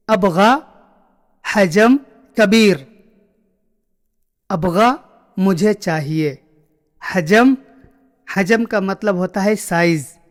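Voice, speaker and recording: A man with a high voice teaches a spoken language lesson, saying each phrase slowly and more than once. His voice carries a long reverb, as if recorded in a hall. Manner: slow, repeated phrases for drilling.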